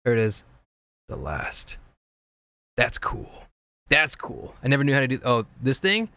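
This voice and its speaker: A man's voice: medium pitch, big pitch swings, measured pace, pushed and bright, no echo. Rambling man explaining video editing. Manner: rambling, repeats himself, explains step by step. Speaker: streamer reviewing viewer edits. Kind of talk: casual teaching chat.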